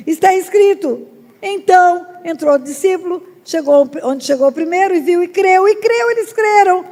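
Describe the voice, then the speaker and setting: Woman preacher, gravelly, emphatic, booming in a reverberant church hall. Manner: emphatic preaching with sudden loud rises and drawn-out words. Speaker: pastor. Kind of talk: sermon. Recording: long reverb of a large hall.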